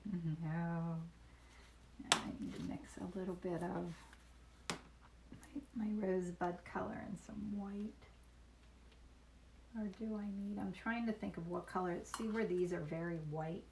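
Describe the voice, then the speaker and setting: A woman painter talks through her live painting demo, musing aloud in a soft, chatty way. Her voice carries a gravelly creak. A faint hiss sits under the recording. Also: fairly low pitch, fairly even intonation, measured pace, pauses often.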